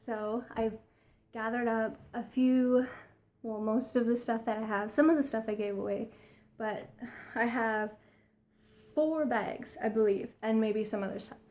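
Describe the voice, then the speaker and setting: A young woman with a slightly high voice talks in a chatty, excitable way. She sounds a little out of breath and fills her pauses with ums as she runs through a casual show-and-tell. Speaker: crochet vlogger. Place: home room lit by daylight.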